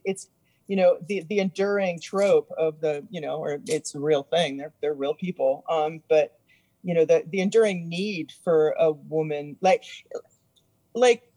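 A woman on a discussion panel, hesitant and halting, packing her talk with fillers as she searches for words. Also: lowish voice, mellow, no echo. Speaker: panel guest. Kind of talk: casual discussion.

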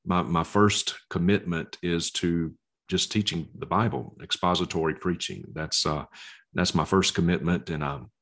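A man's voice: low voice, fairly even intonation, moderate pace, a bit bright. A man with a Southern US accent and a drawl, an evangelist talking conversationally as an interview guest. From Mississippi, US.

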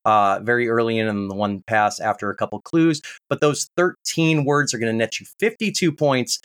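An American man hosting a podcast word game, reading scores and rules with brisk, wry patter. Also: mid-range voice, fairly bright tone. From United States. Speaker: game show host.

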